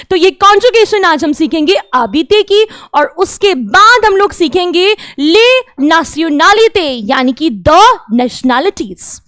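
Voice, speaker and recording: A young woman teaching a French lesson to children, explaining in Hindi and reading example phrases slowly and clearly. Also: very high voice, fairly bright tone, no room sound, studio quality. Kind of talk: online class lecture.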